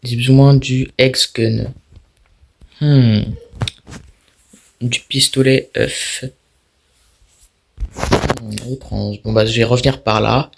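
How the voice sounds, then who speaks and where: A man's voice: medium pitch, steady tone, extremely slow, creaky, long pauses, slight background noise. A young man giving casual let's-play commentary on a horror game, talking to himself and his viewers in a jumpy, restless way. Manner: jumpy, talks to himself and viewers while playing. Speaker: gaming YouTuber.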